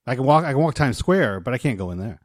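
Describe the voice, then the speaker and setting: A man's voice: medium pitch, very animated, fast talker, no echo, clean studio sound. A man co-hosting a casual movie podcast, easygoing and agreeable, often trailing off. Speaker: podcast co-host.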